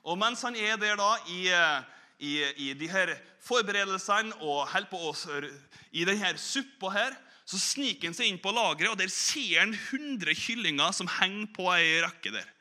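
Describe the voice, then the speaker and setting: A man preaching in a church, telling a story in a lively, chatty way and asking the audience questions. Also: high-pitched. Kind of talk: storytelling sermon.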